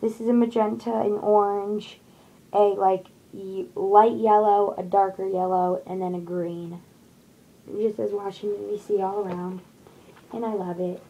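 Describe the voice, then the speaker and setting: A woman's voice: mid-range voice, level tone, unhurried, dull audio. A young woman casually showing off her shopping haul in her bedroom, chatting and rambling with lots of fillers, recorded on a webcam at close range. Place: small bedroom with posters, indoors. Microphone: webcam on desk at close range.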